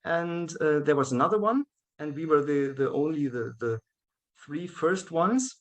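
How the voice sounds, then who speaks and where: This guest, a German event organizer, is interviewed casually over a video call and speaks English as a second language in a higher voice with lively intonation. He goes a little slowly, hesitating, restarting and filling gaps often, and he laughs a lot.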